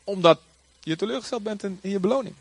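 A man preaching a sermon in a lively, conversational way, joking and acting out quotes. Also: sits high, quick pace, vocal fry, breathy edge, no room sound. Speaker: pastor.

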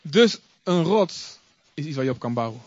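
A high-voiced male pastor preaching an animated sermon and getting the congregation to join in. It is recorded live, with a dry, slightly muffled sound. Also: moderate pace, dry recording. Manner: animated, calls on the congregation to join in, acts out stories. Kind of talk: lively sermon. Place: church before a congregation.

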